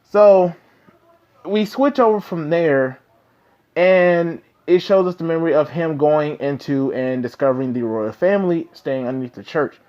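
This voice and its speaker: A man's voice: a little high, unhurried, muffled recording. A man casually reviewing a manga chapter, talking loosely with many fillers and repeated asides to the listener. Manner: loose and conversational, lots of fillers and 'you know what I'm saying'.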